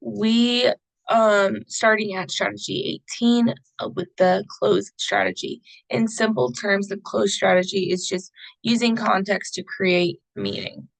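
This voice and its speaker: A woman's voice: mid-range voice, unhurried, gravelly, dry recording, poor audio. Young woman, student presenter, hesitant delivery, dry close recording. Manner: hesitant, many fillers. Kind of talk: class presentation.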